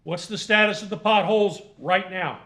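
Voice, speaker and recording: A man speaking as a magistrate at a formal hearing, questioning and ruling in deliberate, halting, formal phrases. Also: high-pitched, sharp tone. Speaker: magistrate presiding over a hearing.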